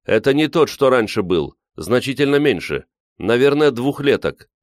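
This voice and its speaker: A man reading an audiobook, voicing an eager, excitable young man who reassures and reports. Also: low voice, a little fast, no echo, clean studio sound, natural voice. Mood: excited.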